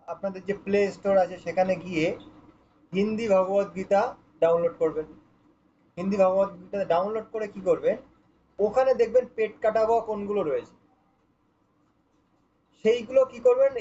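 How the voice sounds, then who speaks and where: A man's voice: sits high, warm tone, lo-fi sound, a little hiss or hum. A man teaching pronunciation for scripture recitation, patiently demonstrating and repeating each sound for his students. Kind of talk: online pronunciation lesson.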